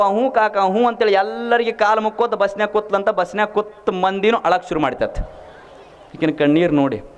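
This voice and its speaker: Man, preacher, north karnataka kannada accent, high voice, funny story sermon, asks the crowd if they follow. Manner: keeps asking the audience if they follow.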